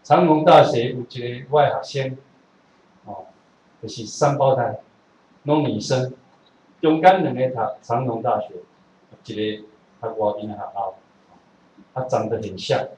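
A man from Taiwan with a Taiwanese accent, giving a classroom lecture in an animated way, with rhetorical questions and joking asides. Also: medium pitch, a little hiss or hum. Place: lecture room. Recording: echoey room from a distance.

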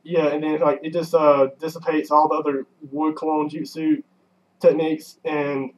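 A man's voice: on the high side, level tone, moderate pace. A man co-hosting a casual comic recap, talking in an easygoing, loose way. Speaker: manga reviewer co-host. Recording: dull lo-fi audio.

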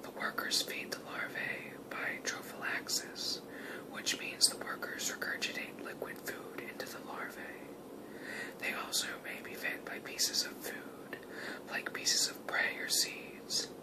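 A narrator speaks entirely in a whisper, as if watching wildlife up close. The delivery is a scripted ASMR nature lesson, hushed from start to finish. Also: unhurried, rough recording.

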